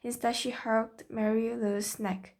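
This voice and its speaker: A woman's voice: fairly high pitch, flat delivery, slow, darkish tone. A woman, a native Korean speaker, reading a novel aloud in English carefully, correcting her slips. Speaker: reader.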